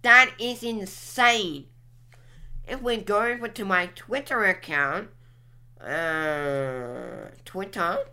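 Slow-talking bright-voiced young woman. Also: mid-range voice. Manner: drawn-out, musing, talks while clicking through apps. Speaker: podcast host reviewing her channel stats. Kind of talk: casual solo commentary.

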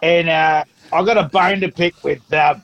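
A man playing a gruff middle-aged Australian father who rambles and stammers through a prank call to a comedy podcast. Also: a little high, steady tone, moderate pace, no echo, natural voice. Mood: complaining. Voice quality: gravelly, rambling, stammering restarts. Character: gruff middle-aged Aussie dad grumbling about his son. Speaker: prank caller. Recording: dull lo-fi phone line.

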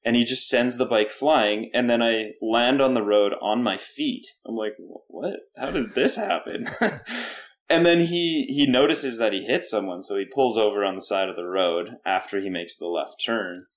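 Very low male voice, canadian guy, young adult, lively anecdote teller, chuckles a lot. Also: moderate pace. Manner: animated storyteller, laughs often, jumps into quoted voices. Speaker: podcast guest. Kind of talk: casual storytelling interview.

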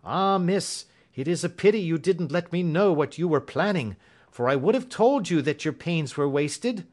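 A man's voice: a little high, lively intonation, moderate pace, darkish tone, voice pushed up, close to an everyday voice. A man voicing a gaunt, knowing servant woman, deferential but insistent and folksy, in a storybook reading. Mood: regretful.

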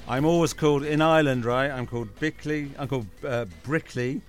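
A man from England, a guest artist, chatting in a relaxed way over a video call and laughing easily. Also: mid-range voice, brisk, soft background music.

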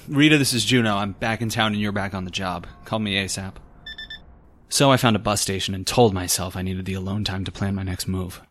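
A world-weary private detective in a noir audio drama. His voice sits fairly low, with a wry, hardboiled, stubborn edge and easy sarcasm. Faint ambience lingers behind him. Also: fairly bright tone, slight background noise. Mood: impatient.

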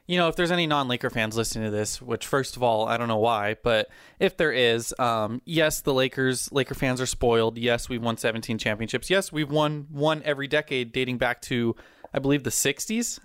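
A man's voice: mid-range voice, a little fast, fairly bright tone, clean tone, no room sound, clean studio sound. A man hosting a sports podcast in casual chat, talking with rambling fan enthusiasm. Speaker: podcast host and sports writer.

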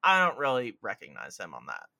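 Here the podcast host sounds brisk and mid-range, with some vocal fry, captured in clean studio sound without echo. He discusses films casually yet emphatically, opinionated, animated and prone to cursing.

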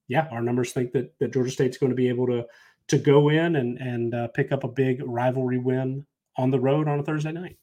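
A man co-hosting a sports podcast, laying out model projections in a measured, hesitant way with many fillers. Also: mid-range voice, mellow. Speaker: podcast co-host. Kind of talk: casual sports analysis chat.

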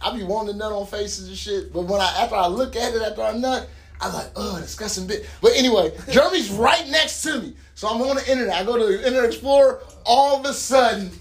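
A male podcast host telling a crude story in loud, laughing casual chat. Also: high voice, quick pace. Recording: echoey room with crowd noise.

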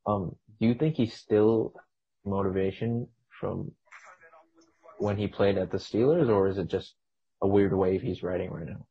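A man's voice: sits low, unhurried, slightly rough, highs cut off. A man co-hosting a sports podcast, giving his opinions on football in casual talk.

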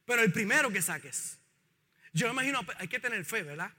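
High, bright-voiced preacher man. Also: brisk, big-room sound. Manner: animated preaching, calls on the congregation to repeat lines. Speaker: pastor. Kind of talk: sermon.

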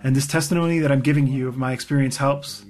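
A man speaks as a voice-over interpreter, reading a survivor's testimony in the first person. His delivery is earnest and measured, at a middling pitch for a man. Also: fairly even intonation, a little mellow.

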